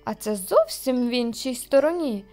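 A woman's voice: fairly high pitch, expressive, normal speed, warm tone, soft background music, close to an everyday voice. A woman voicing a clever, exasperated owl in a children's audio storybook, lecturing the others. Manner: lecturing, scolding.

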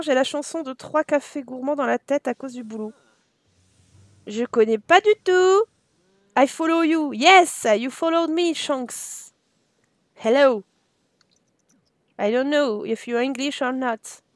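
French-accented woman streamer, high-pitched and dry, chatty with viewers and game characters. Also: no echo. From France. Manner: chatty, talks to chat and to game characters, switches into halting English. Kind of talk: live game stream commentary.

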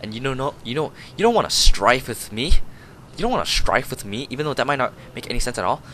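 A young man giving jokey, rambling commentary over a shooter game, breaking into excited yelps and laughter. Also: medium pitch, fast talker, a little hiss or hum. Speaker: gameplay commentator. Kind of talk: goofy live gameplay commentary.

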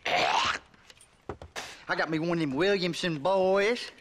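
An actor playing a surly, hostile deputy in a video game, with a gruff drawl. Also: male voice, high-pitched, slow pace, a bit bright, slight background noise. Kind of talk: video game cutscene acting.

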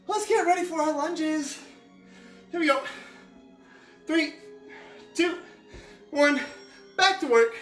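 A fitness coach leading a live workout, energetic and encouraging, counting down reps and puffing out loud breaths while exercising along. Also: mid-range voice. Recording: echoey room with faint music.

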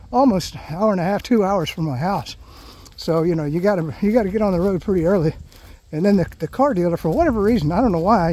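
A man's voice: sits high, mellow, no echo. A man narrating his hike in a casual, rambling vlog, thinking aloud as he walks and filling his talk with "you know.". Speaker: hiking vlogger. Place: outdoors on a grassy trail through palm scrub.

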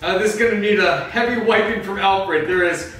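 Playing Batman, the gruff, brooding superhero, as the flustered host of a comedic cooking show, a man rambles through the steps in a home kitchen and snaps into angry outbursts while explaining. His voice is high, a bit bright, and a little fast. The room is very echoey, the mic is far off, and faint music plays.

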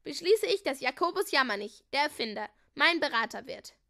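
A woman's voice: high-pitched, animated, a little fast, bright, forceful tone, pitched above the performer's own voice, full character voice. Woman doing an earnest young prince. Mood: solemn. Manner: earnest, slightly bashful. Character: shy young prince becoming king.

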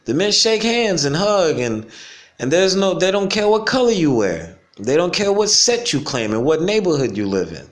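A man's voice: a little high, big pitch swings, normal speed. A man, talking casually and reflectively in a slangy, unscripted monologue for his vlog, chuckling often. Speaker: vlogger. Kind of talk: casual stream-of-consciousness monologue. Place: home in the Caribbean.

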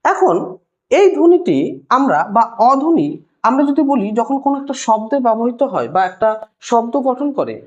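Lively high-voiced woman teacher. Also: dull audio. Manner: patient, repeats key terms slowly. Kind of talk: explaining a Bengali language lesson.

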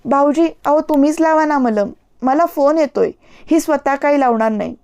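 A woman voicing an affectionate young sister-in-law who coaxes and scolds softly in an audiobook story. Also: high voice, normal speed, voice pushed up. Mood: coaxing.

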